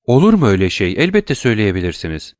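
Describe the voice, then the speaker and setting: A male reader raising his voice into a poised noble lady of an old novel, polite and probing in her questions. The voice sits a little higher than the narration, dry and close to the mic. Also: wildly swooping pitch, quick pace, no room sound. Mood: courteous. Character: poised noble woman, a prosecutor's wife.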